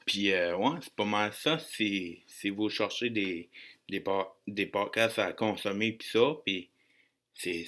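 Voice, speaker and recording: This is a solo podcast host with an Acadian French accent whose voice is fairly low and a bit bright. His casual monologue is informal, jokey and rambling, sprinkled with English slang.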